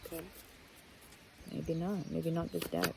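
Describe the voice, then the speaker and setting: A woman's voice: low-pitched, steady tone, measured pace, creaky, noisy background. A woman giving a casual, heartfelt tarot card reading, rambling and emotional as she talks to viewers. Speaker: tarot reader.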